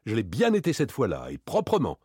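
A man reading an audiobook, voicing a suave, proud gentleman burglar with ironic, theatrical outbursts. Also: medium pitch, huge pitch swings, fairly quick, husky, no room sound, clean studio sound, heavily acted. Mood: rueful amusement.

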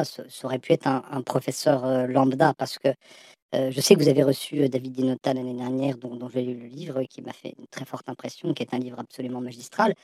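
Man, voice changer disguise, fifties, hesitant restarts, dark tone, dry sound. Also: mid-range voice, dry recording. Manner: hesitant, halting, many restarts. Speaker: anonymous teacher guest. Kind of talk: radio interview answers.

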